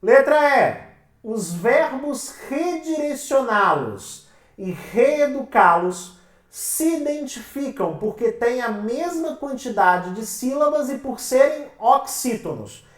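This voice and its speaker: A woman's voice: high-pitched, animated, slow. A woman with a Brazilian Portuguese accent giving an exam-prep lecture, asking her class questions and answering them herself. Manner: calls the listeners "minha gente". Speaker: teacher. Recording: roomy sound from a distant mic.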